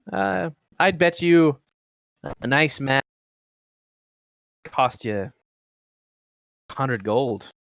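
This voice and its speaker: A game master voicing a worldly male ship captain who asks measured, probing questions. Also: fairly high pitch, lively intonation, vocal fry, a bit bright, no echo, clean studio sound, heavily acted. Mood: dry. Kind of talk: tabletop role-play.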